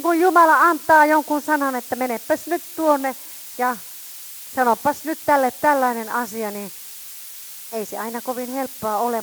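A woman preaching a sermon, fervent, calling out to her congregation and swinging between loud shouts and quiet asides. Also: on the high side, a little hiss or hum, poor audio.

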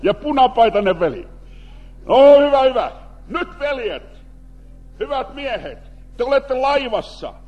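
A man preaching an animated sermon in speech, calling out to the congregation and bringing them in. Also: extremely high pitch, muffled recording. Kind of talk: lively sermon with audience participation. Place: church hall. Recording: long hall reverb.

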